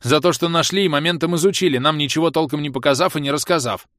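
A man voicing a greedy half-orc treasurer who roars and yells frantically in an audiobook. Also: fairly high pitch, fast, no echo, studio quality, voice pushed up, lightly acted. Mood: indignant. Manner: roaring, yelling, frantic. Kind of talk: audiobook character voice.

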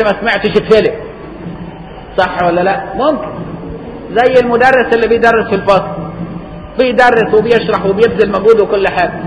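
A man with an Egyptian accent teaching a classical religious text, explaining with rhetorical questions and repetition. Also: high-pitched. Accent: Egyptian Arabic. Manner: chants Quran verses slowly. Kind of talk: classical text lesson in Egyptian colloquial Arabic. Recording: echoey hall with faint noise.

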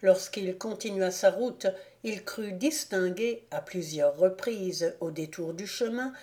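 A woman reading a classic novel aloud as a volunteer audiobook narrator, in a measured, unhurried manner. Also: medium pitch, warm tone.

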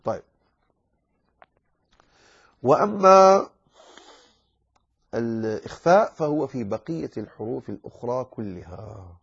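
A man's voice: medium pitch, gravelly, husky, lo-fi sound. Man teaching a recitation lesson. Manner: calm explanation, then slow drawn-out demonstrations. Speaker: tajweed teacher. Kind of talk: religious lesson on Quran recitation.

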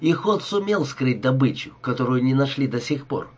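A scheming male gangster with a sarcastic, sneering edge, delivered in a husky, breathy voice, as a man reads him out. He talks down to his partner with cold irony, the audiobook voice pitched at an ordinary middle height. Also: lively intonation, moderate pace. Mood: scornful. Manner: sneering, ironic.

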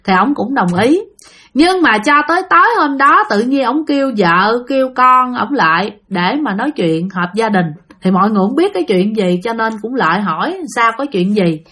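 A woman's voice: on the high side, expressive, normal speed, a bit bright. A woman with a Southern Vietnamese accent telling a spooky story in a chatty way, often speaking to her listeners. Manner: chatty, addresses listeners directly, frequent fillers.

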